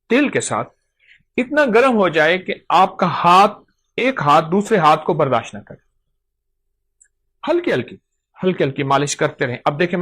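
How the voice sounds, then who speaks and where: A man's voice: fairly high pitch, a bit bright. A man giving an emphatic talk on folk remedies, repeating phrases for stress. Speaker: host.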